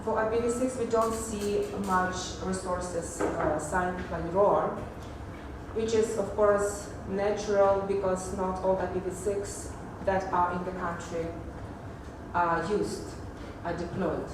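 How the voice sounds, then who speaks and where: A woman's voice: mid-range voice, fairly even intonation, takes it slowly, noisy background. Hesitant woman presenting in an echoey hall. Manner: hesitant, many fillers and restarts. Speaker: conference presenter. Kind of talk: technical conference talk. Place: large echoey conference hall. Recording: echoey hall audio from far off.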